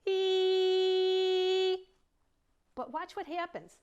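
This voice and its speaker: A woman choir director explains singing technique in a friendly, enthusiastic way. Her speaking voice sits on the higher side for a woman. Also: expressive, moderate pace, dry recording, dull audio. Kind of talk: vocal technique video lesson.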